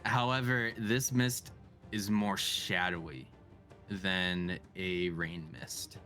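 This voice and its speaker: A man narrates a tabletop game as its dungeon master. His pace is slow and deliberate, with hesitant fillers, and his tone is bright and forward. Faint music plays underneath. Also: low voice, little pitch movement.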